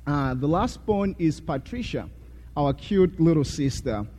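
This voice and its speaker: A young man from Zambia, a graduating student, giving a chapel testimony with a warm, self-deprecating manner and frequent fillers. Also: a little high, animated, measured pace. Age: young adult. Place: college chapel. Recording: hall with long reverb.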